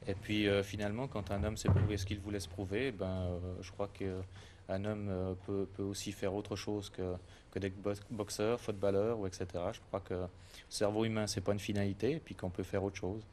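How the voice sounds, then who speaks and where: Retired boxer dude, low voice, lots of ums and restarts, faint noise behind. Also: male voice, little pitch movement. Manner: hesitant, halting. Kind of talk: TV talk show guest.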